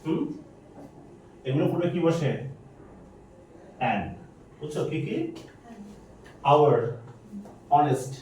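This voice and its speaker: A man's voice: on the high side, animated, extremely slow, pauses often, dark tone, distant mic, slight background noise. A male teacher, quizzing his students with repeated questions during a grammar lesson. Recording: very echoey room, voice from afar.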